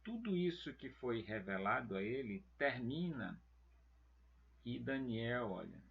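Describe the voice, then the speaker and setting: A man teaching a church Bible lesson, talking slowly and deliberately and calling his listeners beloved brethren. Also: mid-range voice, big pitch swings, gravelly, husky, highs cut off.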